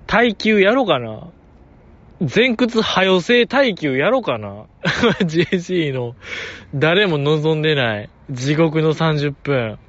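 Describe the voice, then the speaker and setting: A man's voice: fairly high pitch, fairly bright tone, muffled recording. A man with a Kansai accent hosting a casual solo podcast, playfully teasing his listeners and laughing often. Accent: Kansai Japanese. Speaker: podcast host.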